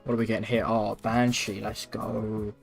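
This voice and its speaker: With music in the background, a young man rambles through a casual gaming livestream at his PC mic, swearing now and then. His voice sits on the low side, creaky and flat, at a normal pace.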